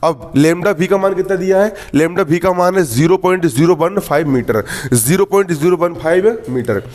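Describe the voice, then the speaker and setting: Man, young adult, high pitch, science tutor, repetitive call-and-response teaching. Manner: repeats questions to the class and answers them himself; joking asides to students. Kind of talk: exam-prep lesson.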